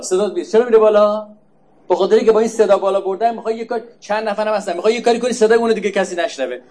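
Man, high voice, religious lecture, rhetorical questions, explanatory tone. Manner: explanatory, asks rhetorical questions and answers them; repeats words softly for emphasis. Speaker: preacher. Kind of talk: religious lecture on Quran verses.

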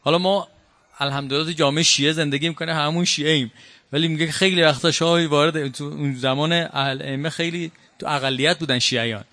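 A man giving a religious lecture in a conversational way, slowing down to recite quotations. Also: fairly high pitch, steady tone, sharp tone, dry recording. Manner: conversational, slows down to recite Arabic quotes. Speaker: preacher.

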